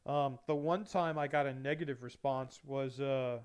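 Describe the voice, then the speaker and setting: A man in a casual interview chat, a lively storyteller who acts out both sides of conversations and laughs often. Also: medium pitch, normal speed, smooth.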